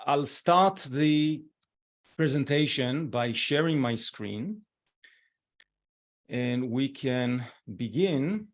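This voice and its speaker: A man in his forties from Israel hosting an online webinar, speaking gently and encouragingly with frequent fillers over a video call. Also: mid-range voice. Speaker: webinar host.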